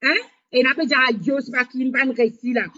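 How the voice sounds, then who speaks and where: A woman hosting a live stream, talking in a rambling monologue with halting, repetitive, broken phrasing. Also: high-pitched, pushed and bright. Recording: dull lo-fi sound.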